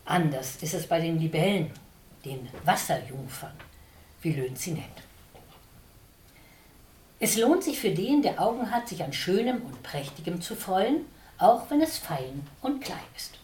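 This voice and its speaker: A woman reading animal and nature tales aloud, her pitch moving a lot as she tells them. She is set back from the microphone, and the room around her rings with echo. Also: a little slow. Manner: expressive, lively storytelling. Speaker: reader. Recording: roomy, distant mic.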